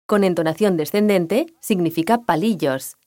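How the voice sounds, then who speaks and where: Woman, language teacher, scripted lesson narration, clear measured delivery, dry close sound. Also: on the low side, mellow, no echo.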